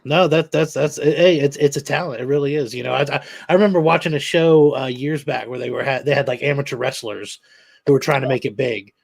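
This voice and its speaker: A man co-hosts a casual online chat, chiming in to back up the guest. His voice is gravelly and husky. The recording is close and dry. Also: mid-range voice, a little fast, dry recording. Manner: supportive, chimes in with agreement. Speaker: co-host.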